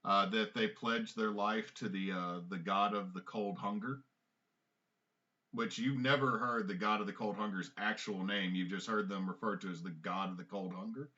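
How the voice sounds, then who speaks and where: A man narrating as game master of a tabletop game, in a relaxed way with fillers. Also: fairly low pitch, normal speed. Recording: dull lo-fi mic.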